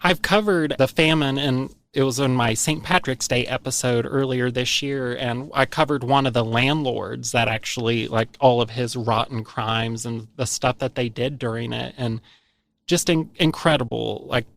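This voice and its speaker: A man's voice: medium pitch, fairly even intonation, moderate pace, gravelly, a bit bright, no room sound. A man with an Appalachian accent, hosting a podcast in an enthusiastic, chatty storytelling manner. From United States. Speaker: podcast host. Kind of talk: casual podcast chat.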